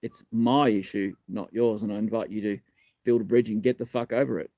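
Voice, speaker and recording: A man's voice: fairly low pitch, fairly even intonation, a little fast, warm tone, no echo. An Australian man in his fifties with a missing front tooth, speaking live in blunt, emphatic, sweary short phrases. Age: 50s. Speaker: live-stream host and community advocate. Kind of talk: live political talk, answering viewer questions.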